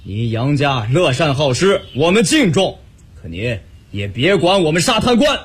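A male storyteller voicing a rough, fiery bandit leader who shouts his lines in a radio story. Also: on the high side, sing-song, normal speed, exaggerated voice. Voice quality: shouting, gruff and blunt. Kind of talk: Chinese storytelling radio performance.

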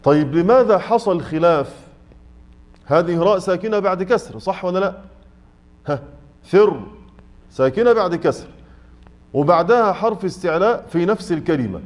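Egyptian male teacher, fairly high voice, patient, explains step by step and quizzes the class. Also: lively intonation. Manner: mixes classical and colloquial Arabic, asks the class check questions; slowly spells out example words. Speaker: Quran recitation teacher. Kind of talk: tajweed lesson explaining a poem. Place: mosque study circle.

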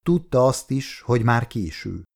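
A man reading an audiobook in a calm, measured way. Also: mid-range voice, creaky, slightly rough. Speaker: audiobook narrator. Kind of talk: scripted audiobook narration.

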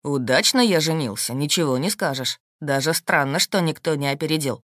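A woman reading an audiobook, voicing a calm, shrewd and protective husband in a steady, dry, matter-of-fact way. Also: low voice, a little fast, dry recording, pitched below the performer's own voice. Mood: calm, firm. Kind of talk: audiobook character voice.

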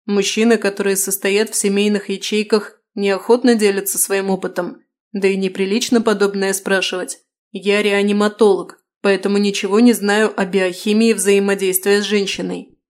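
A woman's voice: mid-range voice, flat delivery, moderate pace, natural voice. A woman reading the lines of an anxious, normally composed male doctor in his late thirties, speaking in an agitated, pleading way. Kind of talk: audiobook dialogue reading.

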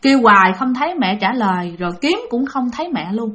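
A woman's voice: on the high side, animated, fast talker, pushed and bright. A woman with a Southern Vietnamese accent narrating a ghost story in a chatty way, speaking straight to her listeners. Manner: chatty, addresses listeners directly.

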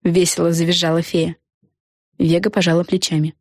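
A woman reading a children's storybook aloud in an expressive, measured manner. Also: on the low side, no echo, clean studio sound. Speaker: audiobook narrator. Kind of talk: storybook narration.

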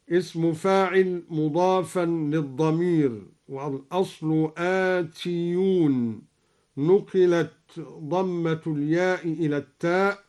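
A man explaining Quran readings on the radio in a measured way, chanting each example between his explanations. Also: on the high side, darkish tone. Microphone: broadcast studio microphone.

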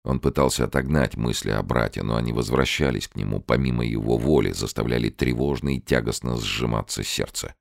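A man narrating a dramatic audiobook in a grave, measured way. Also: rumbling low, gravelly, dry recording, studio quality.

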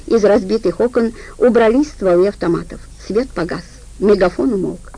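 A woman narrating a crime audiobook, steady and low-key. Her voice is gravelly with a dark, mellow timbre. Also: moderate pace, poor audio.

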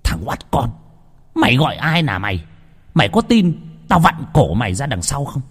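A man's voice: medium pitch, wildly swooping pitch, normal speed, breathy edge, long reverb tail, voice pushed up. A man voicing a middle-aged village woman possessed by a spirit, shrieking threats with contempt. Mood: savage, menacing.

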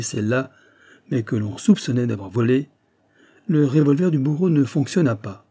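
A man narrating a novel as an audiobook in a measured, dramatic reading. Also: mid-range voice, dark tone, slightly rough.

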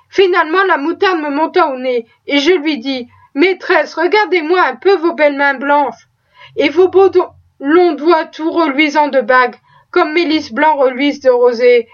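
A woman's voice: high-pitched, measured pace. A woman voicing a proud, chatty cook. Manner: talkative, exclaiming, folksy. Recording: slightly dull lo-fi recording.

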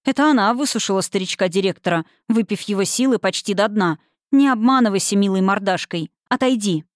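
A woman voicing a cold, sharp-tongued, haughty young woman in an audiobook. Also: medium pitch, fairly quick, dry recording, studio quality, lightly acted.

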